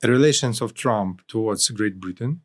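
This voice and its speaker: A man from Ukraine, speaking as a guest analyst in an interview, with halting phrasing and frequent restarts. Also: fairly low pitch. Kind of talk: interview discussion.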